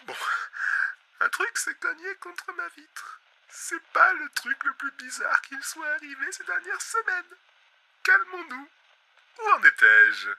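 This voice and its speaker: A man hosting a scripted comic radio monologue, theatrical and sarcastic, who lurches from hushed calm into screaming rage and back. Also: very high-pitched, measured pace, creaky. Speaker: radio host.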